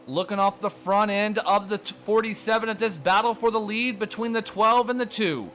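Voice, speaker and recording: A man giving fast, excited play-by-play commentary on a sim race, sounding breathless from calling the action. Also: high-pitched, a little hiss or hum.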